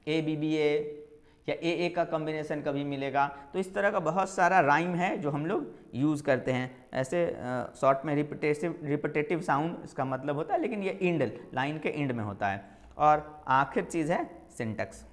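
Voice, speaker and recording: एक महिला शिक्षिका परीक्षा की तैयारी का लेक्चर दे रही हैं, बीच-बीच में अंग्रेज़ी शब्द मिलाते हुए, बातें दोहरा कर कदम-दर-कदम समझाती हैं।. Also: female voice, deep voice, reverberant. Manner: explains step by step, repeating key terms; mixes in English terms. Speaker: English literature teacher. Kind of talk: exam-prep lecture.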